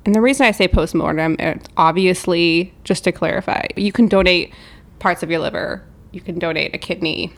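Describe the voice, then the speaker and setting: A woman's voice: fairly low pitch, moderate pace. A woman co-hosting a podcast, explaining things in an informal, conversational way. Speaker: podcast co-host. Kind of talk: casual explanatory chat.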